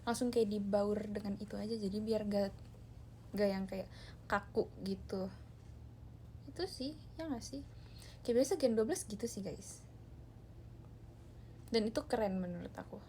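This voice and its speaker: A woman's voice: mid-range voice, normal speed, long pauses, dark tone, slight background noise. A young woman chatting casually to viewers on a live stream from her phone, talking loosely with lots of fillers. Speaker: idol group member hosting a live stream.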